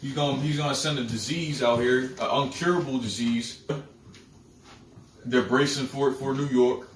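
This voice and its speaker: A man's voice: medium pitch, fairly even intonation, moderate pace. Man preaching doom from across a roomy space. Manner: declamatory, rising loud when reading verses. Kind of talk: fiery scripture preaching and commentary. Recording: roomy, distant mic with faint noise.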